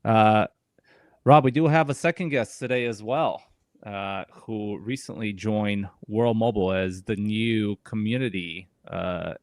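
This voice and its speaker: A man hosting a casual community show, talking in a relaxed way with lots of fillers. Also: on the low side, no room sound. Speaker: host. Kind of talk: casual chat.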